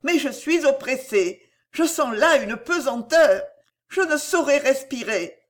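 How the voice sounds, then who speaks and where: Distressed tender young woman voiced by the reader, higher voice, sighing, faltering, lively pitch, audiobook. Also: unhurried. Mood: breathless. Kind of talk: audiobook reading of a classic novel.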